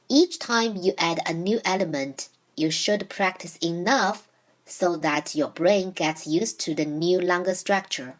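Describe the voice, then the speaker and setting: With a mid-range voice, a woman who grew up speaking Chinese leads a scripted Mandarin lesson. She enunciates carefully at a measured pace and slows further for example sentences.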